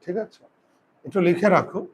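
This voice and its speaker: A man teaching a grammar lesson, dictating rules slowly and asking students questions that he then answers himself. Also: a little hiss or hum. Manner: slow deliberate dictation of rules. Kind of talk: classroom lesson.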